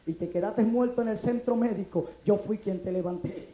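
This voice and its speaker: A puerto rican preacher doing god, deep hushed slow solemn voice, fatherly and calm, church echo all around. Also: natural voice.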